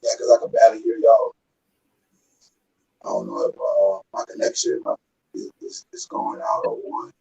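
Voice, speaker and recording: A man's voice: fairly low pitch, wildly swooping pitch, moderate pace, pauses often, warm tone, slightly rough. Man with a muffled, walled-off voice on a call. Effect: muffled, as if heard through a wall. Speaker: guest on a call. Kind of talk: casual conversation. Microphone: video call. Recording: muffled call audio with dropouts.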